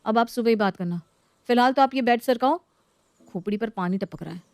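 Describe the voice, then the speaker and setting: A woman's voice: on the high side, brisk, dry recording, natural voice. A woman voicing a stubborn, defiant young daughter-in-law who complains indignantly.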